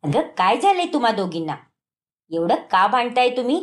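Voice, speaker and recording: A woman reads a stern middle-aged mother-in-law in an animated family story, in a fairly high voice. She scolds and gives orders, her pitch rising and falling widely. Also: a little fast. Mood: scolding. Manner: scolding, commanding.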